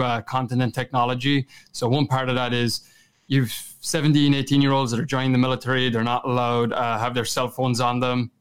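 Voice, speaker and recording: A man's voice: mid-range voice, clean tone. A man with a west of Ireland Kerry accent, answering interview questions in an informal, conversational way. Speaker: podcast guest, chief marketing officer.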